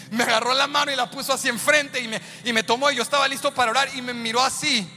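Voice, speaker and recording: A woman's voice: sits high, steady tone, quick pace. Passionate woman preacher in a reverberant church. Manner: passionate preaching that swells to shouting. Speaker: pastor. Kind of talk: sermon. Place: church sanctuary. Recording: church hall reverb with soft music.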